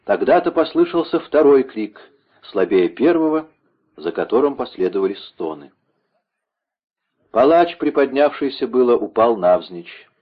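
A man narrating an audiobook in a measured, dramatic storytelling voice. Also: medium pitch, big pitch swings, slightly rough. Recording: dull lo-fi recording.

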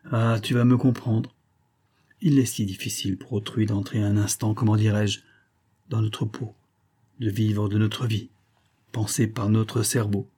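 A man's voice: medium pitch, warm tone, slightly rough. A man reading an audiobook, voicing a bitter, obsessive middle-aged man who argues insistently that he is wronged. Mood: pained. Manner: agitated, reasoning aloud, insistent.

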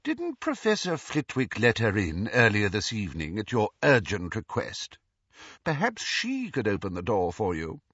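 A man voicing a stern older woman professor who speaks with crisp, icy coldness, in a slightly dull, dry recording. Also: on the low side, huge pitch swings, normal speed, fairly bright tone, no room sound, heavily acted. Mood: cold. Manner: crisp, icily cold. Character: stern older female professor, cold and sharp.

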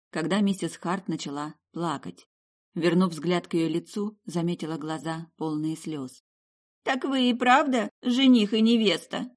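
A woman reading an audiobook narration in a measured, even way. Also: low voice.

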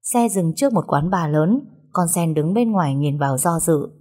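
A woman narrating a comic audio story in a lively manner. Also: on the low side, normal speed, husky.

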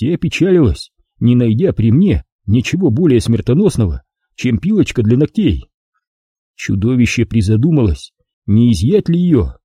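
A man reading an audiobook aloud with animated storytelling. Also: medium pitch, husky, dry recording. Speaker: audiobook reader. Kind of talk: scripted narration.

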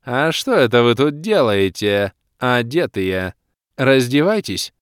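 A man voicing a seductive, playful female succubus demon in an audiobook, with a sultry, drawn-out purring delivery. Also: medium pitch, very animated, clean tone, dry recording, clean studio sound, voice pushed up.

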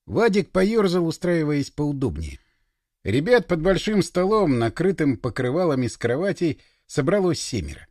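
A man reading a story aloud as its narrator, with lively storytelling delivery. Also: on the high side, moderate pace, dry recording, studio quality. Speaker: audiobook narrator. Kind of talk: scripted narration.

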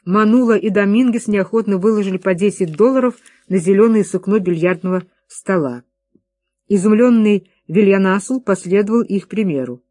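A narrator reading a story aloud in a steady, even delivery. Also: mid-range voice, moderate pace, no room sound.

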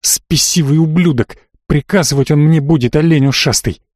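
A man reading the part of a sharp-tongued young female mage in an audiobook, with curt, snappish delivery. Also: on the high side, normal speed, no echo, studio quality, natural voice. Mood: furious. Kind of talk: audiobook narration.

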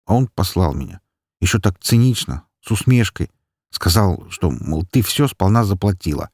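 A man's voice: sits low, sing-song, moderate pace, a little mellow, dry recording, studio quality, exaggerated voice. A man voicing a nervous young man who pleads and begs in an audiobook. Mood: explaining, anxious. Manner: begging, nervous. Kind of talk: audiobook dialogue.

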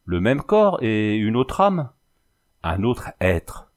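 A man's voice: fairly low pitch, very animated, takes it slowly. A man voicing an anxious, bookish young husband in a storybook reading, pressing with urgent questions. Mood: agitated.

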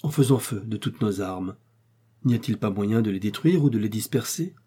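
A man's voice: fairly low pitch, lively intonation, normal speed, dark tone, breathy edge. A man voicing a practical male big-game hunter who speaks plainly and firmly. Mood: resolute.

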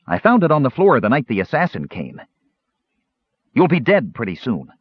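Storybook kender: a small, excitable male trickster, high and eager, with a husky edge and lively swings in pitch, as a male narrator puts him on. Dull, lo-fi recording. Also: normal speed, no room sound. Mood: menacing.

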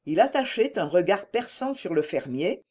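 A woman reading a classic novel aloud as an audiobook narrator, in a measured storytelling manner. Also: mid-range voice, sing-song, darkish tone. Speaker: audiobook reader.

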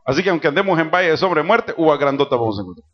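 A man preaching a sermon, calling out to his congregation and swinging between loud cries and soft asides. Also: fairly high pitch, lively intonation, very fast. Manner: preaching with call-and-response to the congregation. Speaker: pastor. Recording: dull lo-fi church recording with music.

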